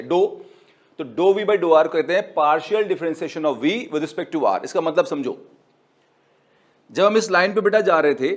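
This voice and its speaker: A male physics teacher lecturing to a class, coaxing and repetitive, asking questions and then answering them himself. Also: fairly high pitch. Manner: coaxing, repetitive, calls students "beta".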